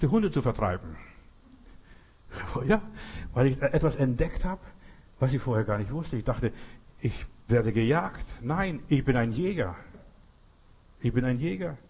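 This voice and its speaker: A man delivers a sermon in a husky, slightly breathy voice. He speaks in earnest, exhorting tones and addresses each listener directly. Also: medium pitch, dark tone. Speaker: preacher.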